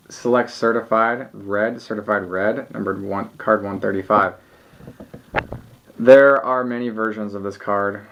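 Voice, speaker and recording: A man showing his baseball cards in a relaxed, rambling video, tired late at night with lots of ums. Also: on the low side. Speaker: sports card collector showing his cards. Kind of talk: casual solo video. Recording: dull lo-fi home recording.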